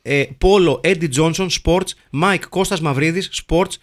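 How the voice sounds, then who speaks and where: A man hosting a live podcast, reading out listener comments and mock movie recasts with wry, mock-solemn humor. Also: fairly high pitch. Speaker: podcast host.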